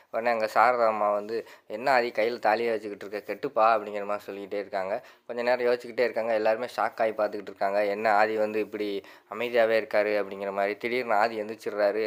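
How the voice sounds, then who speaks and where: A man's voice: on the low side, clear, resonant tone. A man casually recapping a TV serial episode, quoting each character's lines in one running narration. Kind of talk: casual spoken story recap.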